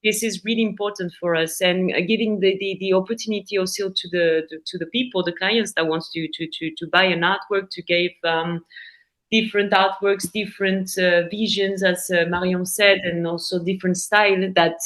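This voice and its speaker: A woman's voice: on the low side, fairly even intonation, normal speed, fairly bright tone, rough recording. A woman with a French accent, a gallery co-founder explaining her work in a casual interview, earnest and often repeating words. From France.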